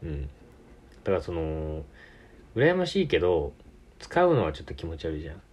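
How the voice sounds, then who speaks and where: Low husky-voiced man musing casually. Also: wildly swooping pitch, brisk, darkish tone. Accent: Tokyo Japanese. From Tokyo. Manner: rambling, self-correcting, with frequent laughs. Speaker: podcast host. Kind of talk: casual solo talk.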